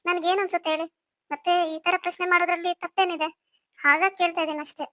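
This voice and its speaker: A woman's voice: extremely high pitch, steady tone, quick pace, pushed and bright, dry recording. A woman voicing a young orphaned wife in a cartoon story, pleading and full of questions. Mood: questioning.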